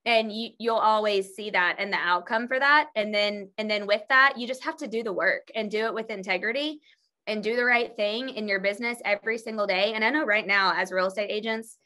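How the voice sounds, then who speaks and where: A middle-aged woman talks to fellow agents in an earnest, storytelling manner, with plenty of ums and restarts. Her voice is bright and forward, at an everyday pitch for a woman. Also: a little fast. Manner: earnest, storytelling with many fillers. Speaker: real estate team leader. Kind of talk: presentation to colleagues.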